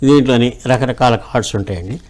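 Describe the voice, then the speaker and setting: A man telling short moral tales with lively voice changes and mimicry. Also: medium pitch, quick pace. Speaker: storyteller guest. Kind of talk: animated storytelling.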